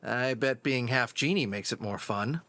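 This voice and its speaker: Man playing a fox detective, earnest, reassuring, bright voice. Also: medium pitch, normal speed, dry recording, natural voice. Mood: playful. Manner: gentle, reassuring. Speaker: voice actor. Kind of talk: audio drama acting.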